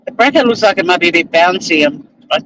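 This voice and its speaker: Talking fast and animatedly in a high voice, a middle-aged Australian man vlogs from his car as he drives. The vlogger and lawyer rambles casually, mocks himself and swears a bit, with background noise in the clip.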